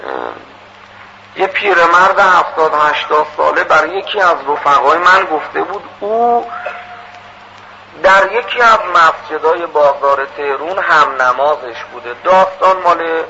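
Man, preacher, animated moral storytelling, gravelly, muffled recording, loud hiss. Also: fairly high pitch. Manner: animated, acts out dialogue, quick asides.

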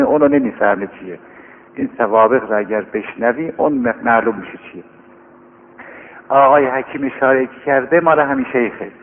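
A man preaching in an earnest, pleading, conversational way, slowing right down to recite scripture. His voice sits in an ordinary middle register. It comes through a thin, phone-like old recording with a long hall echo and a faint hum underneath. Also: mid-range voice. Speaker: cleric preaching to young seminary students. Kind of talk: informal sermon.

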